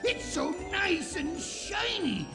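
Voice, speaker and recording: An actor playing a blustering, easily offended old ghost pirate captain in a theatrical, gravelly voice for an animated video game. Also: male voice, extremely high pitch, slow pace, full character voice. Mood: gloating. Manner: theatrical, archaic pirate talk. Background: music.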